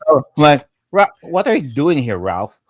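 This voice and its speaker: A man on a podcast panel in casual movie talk, animated and acting out scenes, swearing now and then. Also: a little high, moderate pace, dry recording. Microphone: video call mic.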